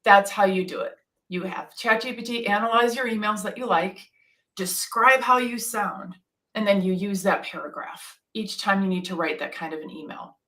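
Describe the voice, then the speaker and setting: A woman's voice: mid-range voice, normal speed, bright, forceful tone. A woman on a casual panel, explaining a method step by step in an enthusiastic, conversational way, often checking in with "right?".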